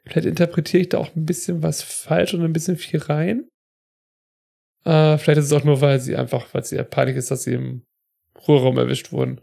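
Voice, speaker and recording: A man co-hosting a podcast, giving chatty, reflective commentary on a TV episode with quick asides. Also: a little high, level tone, creaky, warm tone. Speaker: podcast co-host. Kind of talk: casual chat.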